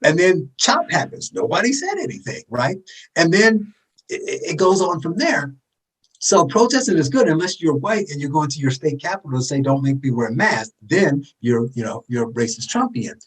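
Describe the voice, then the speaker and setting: A man's voice: fairly high pitch, big pitch swings, moderate pace, breathy edge. Podcast guest guy, sarcastic, voice all over the place, sounds a bit far off. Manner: sarcastic, jumps into mocking voices for emphasis. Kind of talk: animated political commentary.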